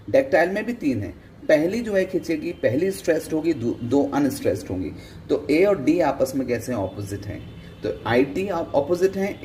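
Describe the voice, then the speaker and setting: A man's voice: fairly high pitch, darkish tone. A man with an Indian accent teaches a lesson, explaining step by step and asking and answering his own questions, mixing English words into Hindi. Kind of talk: exam-prep lesson. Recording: distant mic with faint background noise.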